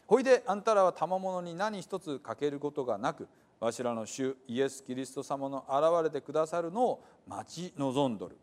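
Man, Hiroshima dialect, scripture reading, earnest, slightly high, lively pitch. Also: normal speed.

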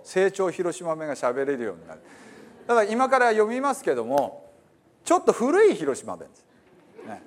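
A middle-aged male pastor from Hiroshima with a Hiroshima accent, giving a chatty, self-deprecating sermon introduction with frequent fillers. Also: high voice. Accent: Hiroshima Japanese. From Hiroshima, Japan.

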